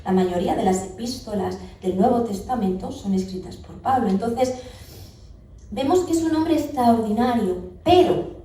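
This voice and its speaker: A woman with a Spanish accent delivers an emphatic sermon, her voice mellow and warm, and she puts pointed questions to the congregation. She is heard from some distance in a very echoey church hall. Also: medium pitch. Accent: Spanish (Spain). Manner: emphatic, rising on key words, asks the congregation questions. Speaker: preacher. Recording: echoey church hall, speaker far from mic.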